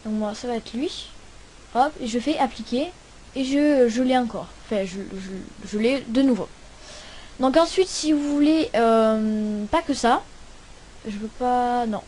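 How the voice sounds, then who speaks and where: High-voiced young woman hosting a tutorial. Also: a little slow, a little mellow, a little hiss or hum. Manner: hesitant, many fillers and restarts. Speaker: tutorial host. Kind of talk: casual screen-recording tutorial.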